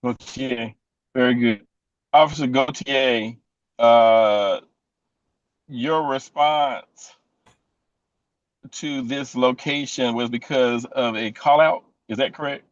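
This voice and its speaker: A male defense attorney cross-examining a witness in court, pointed and deliberate. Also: medium pitch, no room sound. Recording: dull, dry lo-fi courtroom audio.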